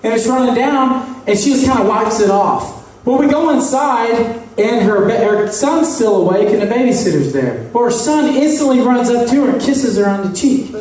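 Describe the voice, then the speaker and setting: A man's voice: extremely high pitch, animated, moderate pace, few pauses, a little mellow. A male stand-up comic telling crude, rambling stories on stage in a comedy club. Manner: crude, rambling anecdotes with asides. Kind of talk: stand-up storytelling. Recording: echoey club heard from a distance.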